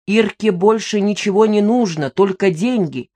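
A woman's voice: mid-range voice, normal speed, warm tone, close to an everyday voice. A woman reading the part of a tipsy, spiteful older mother who gloats and grumbles in an audiobook. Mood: gloating. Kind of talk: audiobook character voice.

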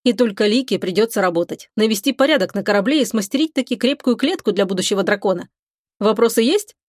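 A woman reading the part of a stern male starship captain, with measured, clipped commands. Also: mid-range voice, animated, a little mellow, no echo, clean studio sound, natural voice. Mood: firm.

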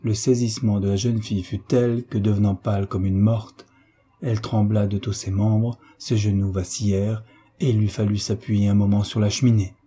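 Husky low male narrator for a classic novel, measured and expressive. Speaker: audiobook narrator. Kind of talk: novel read aloud.

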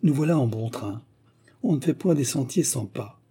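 A talkative, excitable valet spins out his story in endless detail, as a man reads him aloud. The voice is dark and husky, the delivery rambling and eager, straight from a storybook reading. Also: medium pitch, moderate pace. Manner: long-winded, excitable storytelling. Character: chatty rambling male servant, a bruised valet. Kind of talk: audiobook character reading.

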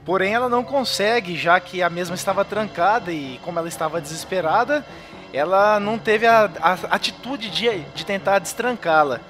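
A Brazilian Portuguese man with a noticeably high voice retells a movie scene by scene in loose podcast chat. His speech rambles and fills with small verbal tics. Faint music sits under him. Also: normal speed, a bit bright. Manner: rambling recap with frequent fillers and chuckles. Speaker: podcast host. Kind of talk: casual podcast film recap.

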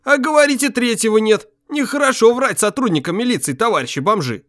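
A man's voice: extremely high pitch, animated, a little fast, fairly bright tone, no echo, clean studio sound, pitched above the performer's own voice. A man voicing a mocking, rude male patrol policeman who talks crudely and jeers. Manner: jeering, crude.

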